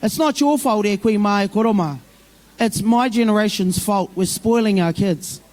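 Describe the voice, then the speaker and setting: A woman's voice: mid-range voice, moderate pace, darkish tone. A middle-aged woman with a broad New Zealand accent, speaking informally off the cuff to a community gathering in a plain-spoken, motherly way. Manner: plain-spoken, motherly, addresses listeners with endearments. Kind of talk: informal, off-the-cuff public speech mixing English with Māori phrases.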